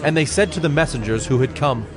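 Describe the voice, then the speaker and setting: A male narrator reads a scripture story solemnly and at a measured pace. His voice sits at medium pitch, and music can be heard clearly behind him.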